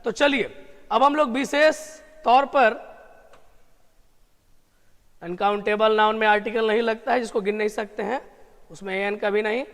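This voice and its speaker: A man teaching English grammar online. He drills his students with repeated questions, slows down to stress key terms and breaks into emphatic bursts. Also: high voice, long reverb tail. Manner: lively with sudden emphatic outbursts.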